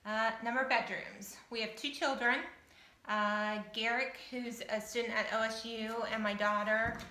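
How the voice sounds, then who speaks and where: Speaking at a moderate pace with fairly high pitch, a pushed, bright tone, and little pitch movement, a fifty-year-old woman from Southern Ohio introduces herself informally to camera. She's applying for a house-hunting show, and the interview-style chat is recorded in an echoey room.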